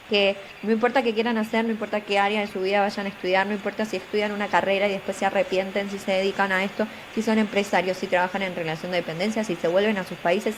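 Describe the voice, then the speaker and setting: An earnest young career coach from Argentina, with a Buenos Aires Spanish accent, gives encouraging, motivational advice as an interview guest on a video call, repeating phrases for emphasis. Her mid-range voice comes with background noise.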